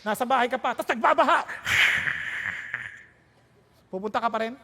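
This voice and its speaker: A very high-pitched male preacher with a Filipino accent delivers an animated, joking sermon that mixes Tagalog with English. His voice rings through a church hall with a long, echoing reverb. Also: normal speed, background noise.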